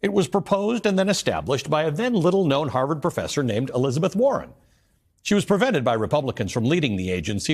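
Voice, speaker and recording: A man anchoring a news program, introducing a guest and starting an interview. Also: mid-range voice.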